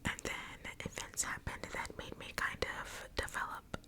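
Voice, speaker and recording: A woman speaking in a breathy, unvoiced whisper, rambling intimately and repeating phrases in an ASMR style, cupped close to the mic. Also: unhurried. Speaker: ASMR content creator. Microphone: close mic with cupped-hand whispering.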